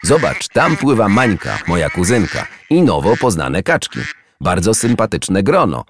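A man reading a storybook aloud and voicing a cheerful, chatty female wild duck who gushes with excitement, in a high, lively voice. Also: a little slow, crowd noise. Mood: excited chatter. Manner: excited, gushing.

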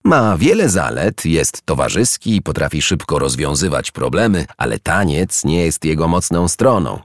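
A man's voice: rumbling low, sing-song, normal speed, no room sound, clean studio sound, exaggerated voice. A man voicing a cheerful female squirrel who chats proudly as a local guide in a children's story. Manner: chatty, bright, proud of her town.

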